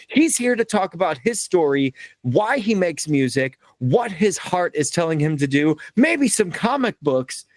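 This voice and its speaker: A man hosting a podcast, hyped and energetic, swearing casually as he talks. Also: on the high side, no echo. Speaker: podcast host. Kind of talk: casual interview chat.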